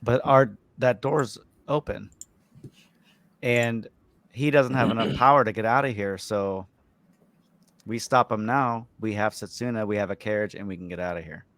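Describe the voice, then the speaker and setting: A man's voice: lowish voice, moderate pace, a bit bright, no room sound. A man playing a tabletop game, blunt and plotting. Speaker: player.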